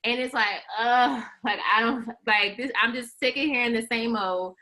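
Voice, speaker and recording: A young woman with a clear, bright voice runs a coaching webinar for law school applicants. She talks in a loose, animated, chatty way, with plenty of "like" and quick laughs between phrases. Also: fairly high pitch. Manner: chatty, animated, heavy use of "like". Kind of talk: webinar presentation.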